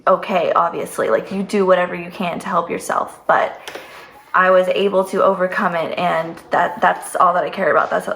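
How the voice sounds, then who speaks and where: A woman's voice: on the low side, level tone, normal speed, gravelly, fairly bright tone, a little hiss or hum. A young woman in her twenties telling a personal story in a sit-down vlog, heartfelt and near tears, with many "like" fillers. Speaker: vlogger. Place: home, seated.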